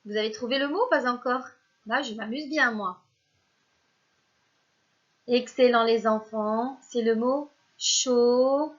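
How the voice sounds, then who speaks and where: This primary school teacher's voice is on the high side and steady, a little slow with long pauses, captured in lo-fi sound. In her recorded reading lesson for young children, she sounds out each syllable and addresses the pupils directly as if present, offering praise.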